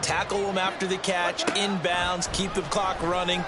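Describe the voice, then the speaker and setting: American male football analyst, conversational and folksy, slightly raised pitch, strong music underneath. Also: flat delivery, a little slow, a loud crowd. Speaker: football color commentator. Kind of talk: analytical sports commentary.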